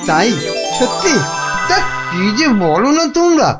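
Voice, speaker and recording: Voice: high-pitched, big pitch swings, unhurried, loud music behind the voice. A voice actor playing a scheming royal minister in a cartoon, stammering and fawning before the king. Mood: flattered. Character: scheming, flattery-loving royal minister, male. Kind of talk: cartoon voice acting.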